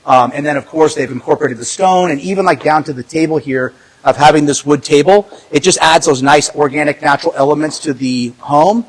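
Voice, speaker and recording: Inside a large house, a real estate agent with a fairly high-pitched voice talks slightly fast on a rough recording. His walkthrough is relaxed and upbeat, loaded with fillers and easygoing laughs.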